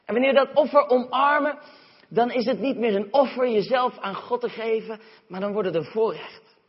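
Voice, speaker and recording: A man's voice: very high voice, normal speed, slightly rough. A man from the Netherlands preaching a sermon, telling the story vividly and acting out voices. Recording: dull sound, long hall reverb.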